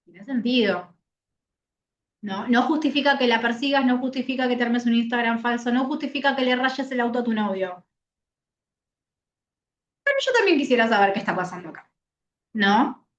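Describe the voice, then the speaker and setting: Brief: Rioplatense woman teaching as a therapist online, lively, questioning her class, roomy lo-fi sound. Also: on the high side, moderate pace, long pauses. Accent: Rioplatense Spanish. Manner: lively, talks straight to students with questions and acted examples. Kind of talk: online lecture.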